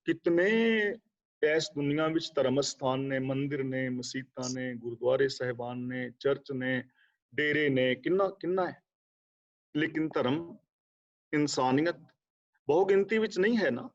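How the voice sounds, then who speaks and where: A man teaching a scripture class, reciting verses slowly and then explaining them in a conversational way. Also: mid-range voice. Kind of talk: religious discourse class. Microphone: video call. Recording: dull lo-fi online call audio.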